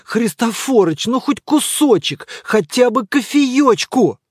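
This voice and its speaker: A man's voice: very high-pitched, animated, slow, breathy edge, dry recording, clean studio sound, voice pushed up, heavily acted. A man reading an audiobook, voicing an anxious man who coaxes a grieving friend to eat. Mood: wheedling. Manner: wheedling, coaxing.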